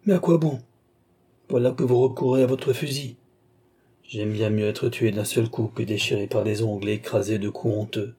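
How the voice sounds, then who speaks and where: A man voicing a calm young man in an audiobook, speaking gently and with resignation. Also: on the low side, normal speed, husky. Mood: resigned. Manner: gentle, soft-spoken, resigned. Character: calm young man facing his accuser.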